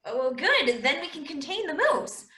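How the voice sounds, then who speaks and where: A woman's voice: high voice, big pitch swings, moderate pace, sharp tone, roomy sound, distant mic, heavily acted. A woman playing a sarcastic, exasperated female cop in a tabletop game. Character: stern young female cop.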